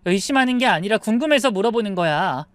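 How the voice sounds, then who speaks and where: A woman voicing a gentle, tired young wife who speaks softly and politely. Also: mid-range voice, expressive, fast talker, dry recording, lightly acted. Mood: pleading. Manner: soft, polite and subdued.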